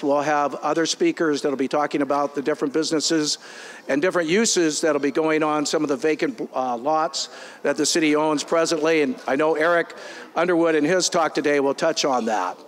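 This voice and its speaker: Male forum host, slightly high, upbeat, filler-heavy. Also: steady tone, fairly quick. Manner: upbeat, with frequent ums and uhs. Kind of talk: addressing a meeting room. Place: meeting room.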